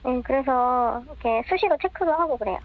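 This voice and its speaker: A woman's voice: high-pitched, animated, brisk, phone-quality sound. A woman giving short, hesitant interview answers, her voice electronically disguised to keep her anonymous. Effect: voice electronically altered for anonymity.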